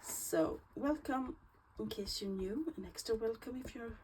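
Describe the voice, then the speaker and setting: A Swedish woman who hosts a crafting channel chats through a casual craft tutorial in her Swedish-accented voice, Swedish being her native tongue. Her pitch sits on the high side and she speaks unhurriedly, using hesitant fillers as she works against a noisy background.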